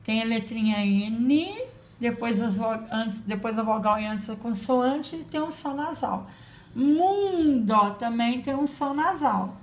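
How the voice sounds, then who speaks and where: A woman's voice: a little high, lively intonation, takes it slowly. A woman teacher giving a patient children's lesson, spelling out letters and sounds. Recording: echoey room.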